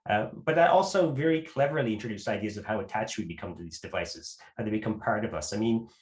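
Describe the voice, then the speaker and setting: A man interviewing an artist, asking long, measured questions with frequent hesitations. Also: fairly low pitch. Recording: roomy with faint background noise.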